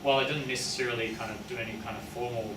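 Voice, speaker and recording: Rapid-fire and fairly even in tone, this mid-range New Zealand voice belongs to a man giving a casual public lecture on his research and book, with audience questions, in an indoor venue. His talk is matey and colloquial in a working-class tradesman way, full of rambling and self-correction. Echo, a faraway mic and clear noise run through the recording.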